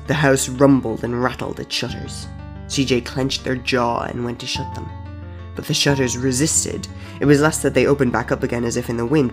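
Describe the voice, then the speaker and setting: A narrator reads a story aloud at an even, measured pace. The voice sits mid-range with a gravelly texture. The telling stays steady throughout. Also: medium pitch. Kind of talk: story reading.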